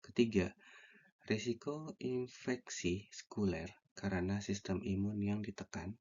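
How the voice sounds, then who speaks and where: Low-voiced young man reading a class presentation. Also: measured pace, muffled recording. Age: young adult. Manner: reads numbered points in a steady, listing way. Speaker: student presenter.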